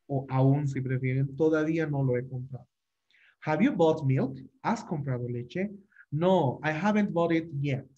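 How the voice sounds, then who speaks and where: A man's voice: a little high, dark tone. Patient male teacher, muffled call. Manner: patient, repeats phrases and keeps checking with "¿no?". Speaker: English teacher. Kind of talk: online class taught in Spanish.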